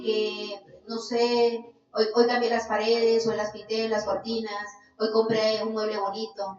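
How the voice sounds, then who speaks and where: A woman giving an earnest religious testimony as a podcast guest, warmly calling the listener "little brother". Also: mid-range voice. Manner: earnest, calls listener "hermanito". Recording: echoey, distant, dull lo-fi sound.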